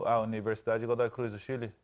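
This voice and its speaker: A man with a low voice joins a studio sports panel. He chats casually, chiming in with quick questions and counts. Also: little pitch movement, darkish tone. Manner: conversational, quick interjections. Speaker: sports commentator.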